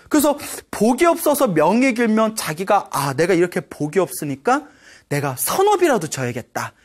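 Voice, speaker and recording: Lively Korean monk telling a dharma story. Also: male voice, sits high. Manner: lively storytelling, acts out dialogue; frequent rhetorical "예?" checks with audience. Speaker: Buddhist monk lecturer. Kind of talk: Buddhist dharma talk.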